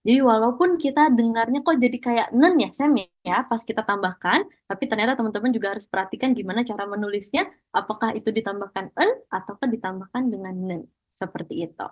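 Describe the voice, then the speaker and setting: A woman's voice: on the high side, quick pace. A woman teaching Korean in an online class, encouraging students and mixing Korean praise into her explanations.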